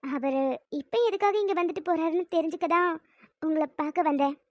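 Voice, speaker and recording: An anxious young older sister, voiced by a high-pitched performer, pleads and worries in a very high, dry voice in an audio drama. Her talk is tearful and urgent. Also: brisk, no echo. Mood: worried.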